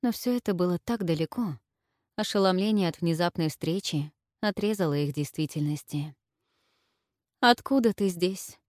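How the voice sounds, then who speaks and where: An audiobook narrator with a low, slightly mellow female voice reads scripted story narration at a moderate pace. The recording is studio quality with no room sound.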